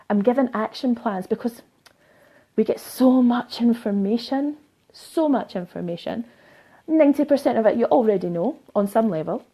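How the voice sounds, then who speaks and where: A woman's voice: fairly high pitch, a little mellow. A woman life coach giving a live motivational talk to viewers, emphatic and fond of repeating phrases for effect.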